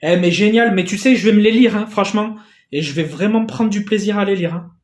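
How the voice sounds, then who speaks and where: A man in a casual unboxing vlog who gets excitable, swears casually and thanks the sender again and again. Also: sits high, a little fast, reverberant. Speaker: YouTuber opening a gift parcel.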